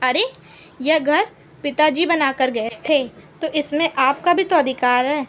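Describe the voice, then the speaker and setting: A woman voicing a heated younger brother, high and pleading. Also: unhurried, fairly bright tone, slight background noise. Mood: accusing. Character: angry young man, a worried younger brother.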